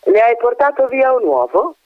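A man's voice: very high voice, sing-song, moderate pace, no room sound, pitched above the performer's own voice. A man voicing a stern woman of about fifty, a charity patroness, in a falsely sweet and prying tone. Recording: dull dry recording.

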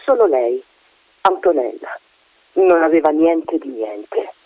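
A man reading a story aloud in an animated way, putting on voices for the characters. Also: a little high, slow, vocal fry, no echo. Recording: dull dry recording.

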